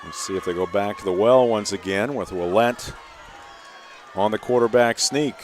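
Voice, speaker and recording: A man calling live high school football play-by-play in short running phrases. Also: moderate pace, a faint crowd. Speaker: play-by-play announcer.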